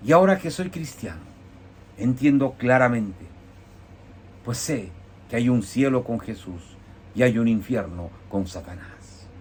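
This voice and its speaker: A man preaching a heartfelt personal testimony, his voice dropping low and soft, then rising with emphasis. His delivery swings between hushed storytelling and emphatic declarations, with a faint hiss behind him. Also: expressive, unhurried. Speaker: evangelical preacher.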